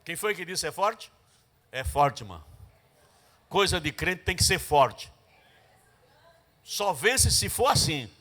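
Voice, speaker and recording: A man's voice: fairly high pitch, takes it slowly, long pauses. A middle-aged pastor, preaching a sermon in a church and acting out the voices of the people in his stories. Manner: animated storytelling, acting out voices. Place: church service.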